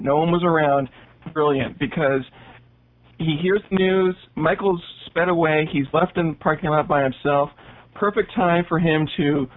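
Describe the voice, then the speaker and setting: Higher-pitched man, tinny casual podcast talk. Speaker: podcast co-host. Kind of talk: casual TV episode discussion. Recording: thin, phone-like audio.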